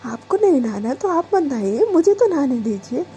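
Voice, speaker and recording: A woman's voice: high voice, big pitch swings, moderate pace, dark tone, a little hiss or hum, pitched above the performer's own voice. A woman voicing a playful young wife who teases and reassures her partner in a told love story. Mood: teasing. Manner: teasing, reassuring. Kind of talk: storytelling with dialogue.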